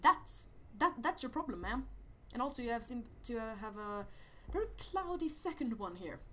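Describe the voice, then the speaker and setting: Over loud game music, a Swedish-accented man gives let's play commentary in an extremely high, heavily acted, very animated voice at a moderate pace. His goofy persona rambles and stammers, breaking into startled yelps and jumpy exclamations.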